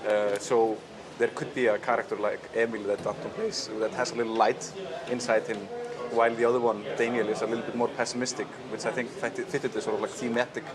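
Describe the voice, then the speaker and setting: A man from Iceland, a film director, speaks in a thoughtful, halting way at a middle pitch, pausing often on fillers. He is interviewed on a busy festival terrace, with a crowd's chatter clearly heard behind him. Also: flat delivery.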